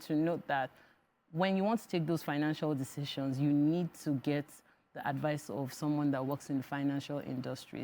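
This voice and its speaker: A woman's voice: low voice, darkish tone. A woman with a Nigerian accent explaining things step by step as an expert guest in a studio interview. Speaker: financial firm executive, interview guest.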